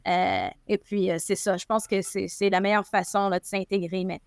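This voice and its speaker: Québécoise posée et hésitante, prise de son sèche. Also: female voice, mid-range voice, steady tone, moderate pace, dry recording, studio quality. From Quebec. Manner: thoughtful, hesitant, repeats words. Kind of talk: casual podcast conversation.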